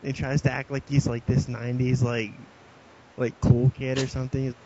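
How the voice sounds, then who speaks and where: A man's voice: medium pitch, level tone, normal speed, dark tone. A young man co-hosting a podcast in casual chat, rambling with lots of fillers and laughter. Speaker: podcast co-host. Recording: dull lo-fi podcast audio with faint hiss.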